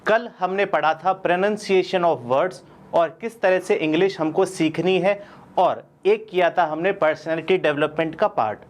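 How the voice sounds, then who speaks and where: A man teaching an online English pronunciation lesson. He asks his students questions, answers them himself and repeats each word slowly. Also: high-pitched. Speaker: coaching-class English teacher.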